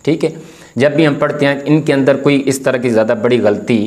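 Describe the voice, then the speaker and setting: A man teaching beginners to read the Quran, calmly explaining how each letter is said and drawing out the sounds to demonstrate them. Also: mid-range voice, brisk. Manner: firm when correcting common mistakes. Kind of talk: recorded beginner lesson, explaining letter pronunciation.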